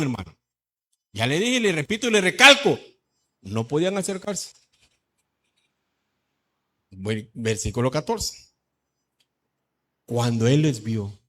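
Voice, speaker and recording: A middle-aged male pastor from El Salvador, preaching a lively sermon that swings from shouts to low asides. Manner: animated preaching, shifts from shouts to low asides, says "hermano" often.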